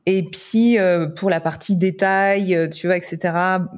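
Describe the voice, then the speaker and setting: A woman's voice: on the low side, steady tone, a little slow. A woman from France, a wedding photographer, chatting casually in a podcast interview with lots of fillers and laughter.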